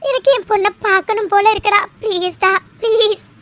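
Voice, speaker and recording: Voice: very high voice, fairly even intonation, brisk, bright, forceful tone. Someone voicing a tearful, pleading cartoon mother. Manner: pleading, sobbing, repeats herself. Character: tearful middle-aged mother longing for her daughter. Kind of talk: cartoon voice acting.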